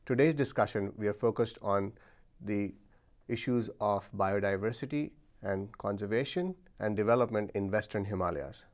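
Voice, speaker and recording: A middle-aged man hosting a formal interview in a studio, introducing his guest and asking questions in a measured way. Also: fairly low pitch. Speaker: interviewer, program director. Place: dark studio set, seated. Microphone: lapel mic.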